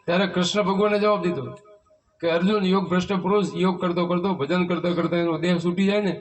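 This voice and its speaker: A man's voice: high voice, fairly even intonation, fast. A man, a spiritual teacher giving a devotional sermon at a devotee's village home, asking rhetorical questions and reciting hymn verses. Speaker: spiritual teacher leading a satsang. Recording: voice from far off the mic.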